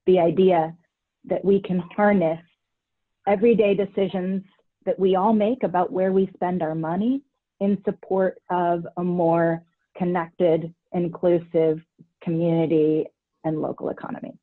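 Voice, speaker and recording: A woman's voice: on the low side, fairly even intonation, a little slow. Woman founder and CEO, polished delivery, tinny phone-like sound. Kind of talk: panel discussion.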